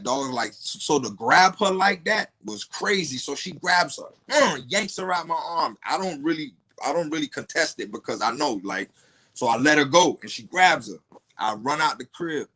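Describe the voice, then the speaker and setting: Man, podcast guest, casual story, repeats words, street slang, swearing, mid pitch. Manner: stumbling repetitions and heavy street slang; profane, animated retelling.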